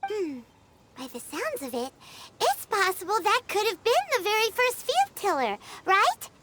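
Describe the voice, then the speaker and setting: A woman voicing a small, childlike fairy companion in a video game, excitable, inquisitive and chirpy. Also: very high voice, unhurried, noisy background, exaggerated voice. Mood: curious.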